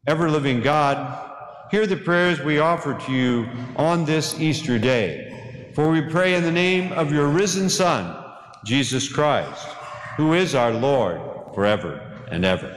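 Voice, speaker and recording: Middle-aged male priest, solemn and measured, echoey church with noise. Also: a little high, expressive. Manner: measured, solemn liturgical cadence. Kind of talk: leading a church service. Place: large church interior.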